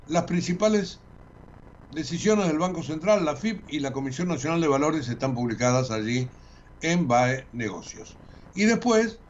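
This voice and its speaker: Argentine radio host guy, kinda high voice, explains stuff to listeners, muffled sound with a little hiss. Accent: Argentine Spanish. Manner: explanatory, addresses listeners directly, frequent "este" fillers. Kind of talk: radio commentary and press review.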